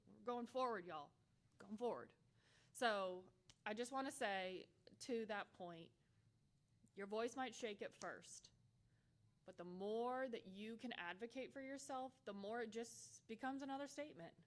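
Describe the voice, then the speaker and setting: A woman giving a conference workshop talk, candid and humorous with playful asides. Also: on the high side. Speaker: workshop presenter.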